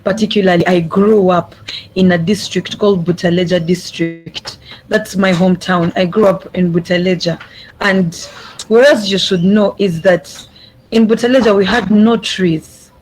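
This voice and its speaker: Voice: mid-range voice, steady tone, a little slow, darkish tone, slight background noise, low-quality recording. A young adult speaker gives an earnest prepared speech over a video call, repeating phrases for emphasis. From Uganda. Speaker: youth speaker. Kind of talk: prepared speech at an online summit.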